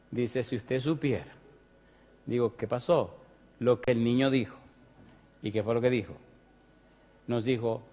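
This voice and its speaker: A man's voice: medium pitch, a little mellow. A man preaching a sermon, telling a story and then pleading fervently for people to come forward. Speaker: pastor. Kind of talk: sermon with altar call. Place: church. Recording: long church hall reverb.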